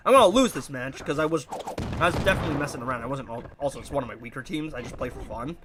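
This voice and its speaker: Heavy background noise surrounds this very fast, mid-range voice: a young gaming YouTuber, stuffed up and nasal, commenting casually on his play in an animated, puzzled, rambling way.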